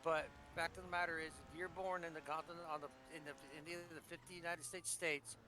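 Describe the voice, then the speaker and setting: A man's voice: on the high side, flat delivery, noisy background. A man in casual, profane gaming chat during a sim race, arguing his point. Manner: fast, profane, argumentative. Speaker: sim racing streamer.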